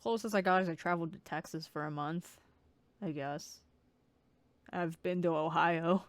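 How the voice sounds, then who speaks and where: A woman's voice: on the low side, fairly even intonation, normal speed, no echo. A woman from the East Coast of the United States streaming a video game, chatty and giggly, commenting casually at a home desk microphone. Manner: chatty and giggly, self-deprecating. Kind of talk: casual live-stream commentary while reading a game aloud.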